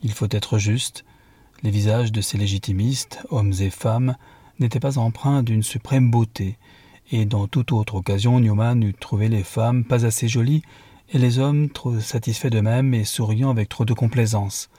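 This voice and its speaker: A man reading a classic novel aloud as an audiobook narrator, in a measured manner. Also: mid-range voice, fairly even intonation, warm tone, husky, no room sound. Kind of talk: scripted narration.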